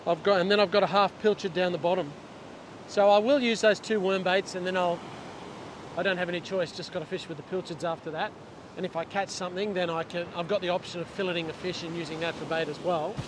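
Speaking fast in a high, fairly even voice, a middle-aged man hosts a casual fishing vlog from an open ocean beach. He chats and explains while working, frequently restarting his sentences, and wears a clip-on lapel mic. The audio carries heavy surf and wind noise.

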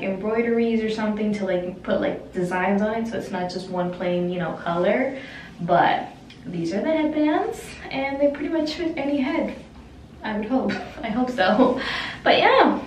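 A woman's voice: on the high side, distant mic. A young adult woman giving an informal, rambling vlog update, recorded in a small echoing bathroom. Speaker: vlogger. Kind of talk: casual chatty vlog update. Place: small closed bathroom, indoors. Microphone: camera a short distance away. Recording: echoey bathroom, some background noise.

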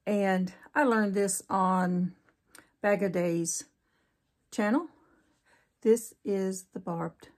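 A middle-aged woman with a Southern US accent, hosting a casual crochet tutorial in a chatty, homespun way with fillers. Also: mid-range voice. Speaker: crochet channel host.

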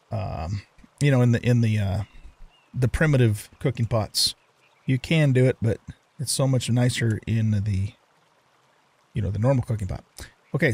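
A man's voice: mid-range voice, darkish tone, no echo. An older man hosting a let's play, chatting casually and thinking aloud with lots of fillers as he plays. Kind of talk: casual gameplay commentary.

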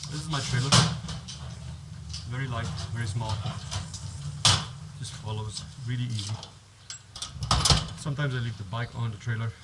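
A rambling vlogger outdoors on his home driveway by a garage films a casual how-to with a head-mounted action camera, restarting sentences and explaining step by step. His medium-pitched voice moves at a moderate pace and pauses often, amid very noisy sound.

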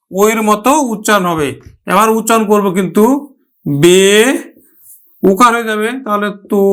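High-voiced man teaching pronunciation slowly. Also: fairly bright tone. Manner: slow, drawn-out syllable-by-syllable modelling of words; asks and answers his own questions. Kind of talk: pronunciation lesson.

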